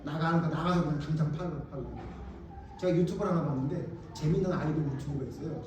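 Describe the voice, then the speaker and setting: A man's voice: on the high side, fairly even intonation, quick pace, darkish tone. A male pastor preaching a sermon in a church, emphatic and colloquial, often firing questions at the congregation. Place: church sanctuary. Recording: very echoey hall, mic far off.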